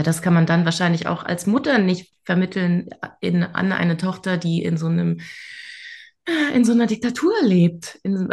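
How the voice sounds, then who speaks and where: A woman's voice: fairly low pitch, darkish tone. A woman co-hosting a book podcast, reacting emotionally and sympathetically in casual chat. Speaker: podcast co-host.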